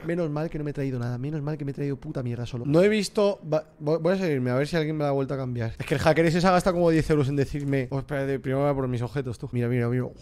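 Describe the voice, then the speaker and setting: A young man from Spain with a Spanish accent, commentating a live game stream, excitable and swearing, shrieking when scared and cooing at his in-game pets. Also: a little high, racing, hardly any pauses. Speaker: gaming streamer.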